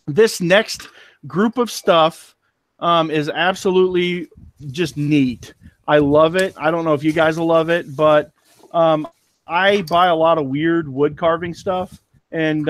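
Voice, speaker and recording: A man's voice: a little high, fairly even intonation, unhurried, no echo. A man selling antiques, chatting casually in a rambling, folksy, self-deprecating way. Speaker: antiques seller. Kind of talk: casual chat.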